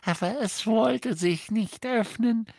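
A woman voicing a guilt-ridden, servile old male house-elf who speaks slowly and in anguish, referring to himself in the third person. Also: fairly high pitch, creaky, darkish tone, dry recording, full character voice. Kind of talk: audiobook character voicing.

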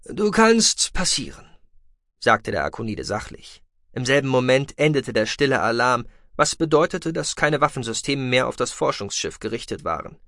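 In scripted narration of a sci-fi audiobook, a man with a mid-range voice tells the story steadily and with measure. The studio-quality recording has no echo.

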